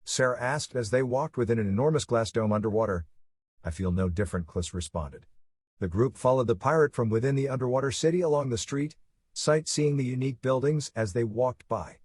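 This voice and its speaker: A man narrating a fantasy audio novel in a plain, even reading. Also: medium pitch, fairly quick, husky, no echo.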